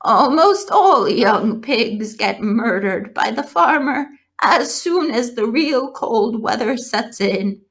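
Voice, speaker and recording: Woman playing an elderly storybook ewe, slow drawl, blunt, gossipy, matter-of-fact, highish voice. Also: exaggerated voice. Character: old female sheep, blunt, gossipy, unsentimental.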